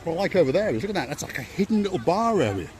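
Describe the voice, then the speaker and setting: This older male vlogger gushes through a walk-and-talk hotel tour, filmed on a handheld camera as he moves indoors and outdoors. He speaks in a slightly high, sing-song voice at a racing pace, keeps repeating words of praise, and crowd noise can be heard around him.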